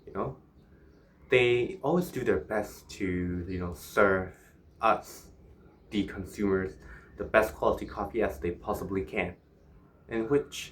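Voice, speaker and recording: A man from Myanmar chatting casually in a solo vlog, musing in a halting way with pauses. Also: fairly low pitch, fairly bright tone, slight background noise. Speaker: vlogger.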